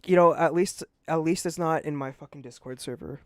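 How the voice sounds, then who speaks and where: A man's voice: fairly high pitch, fairly quick, clean tone, no room sound. A man hosting a casual podcast chat and reading aloud, blunt and swearing a lot. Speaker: podcast host.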